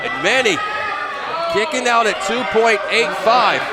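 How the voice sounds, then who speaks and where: A man giving excited live play-by-play as a wrestling commentator, often raising his voice to shout the calls. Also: very high-pitched, a little slow. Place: live wrestling event with crowd behind. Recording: noisy live event, loud crowd.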